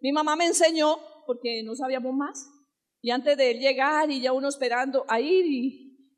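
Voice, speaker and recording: A woman pastor preaching a sermon, telling stories and asking the congregation questions, rising to fervent exclamations. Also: sits high. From Colombia. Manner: asks the congregation direct questions.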